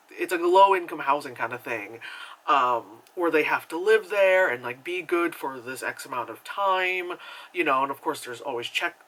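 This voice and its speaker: In a roughly recorded, casual movie review, a young man rambles on, filling the pauses with "like" and "you know." His voice is a little high, bright and forward. Chatty and animated, he often leaps into high, acted-out reactions.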